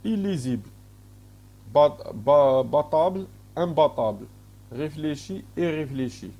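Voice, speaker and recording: Slow, mellow-voiced male lecturer. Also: on the high side, expressive. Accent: Algerian French. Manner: slow, checks in often with "d'accord?", many hesitations. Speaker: university lecturer. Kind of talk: recorded lecture.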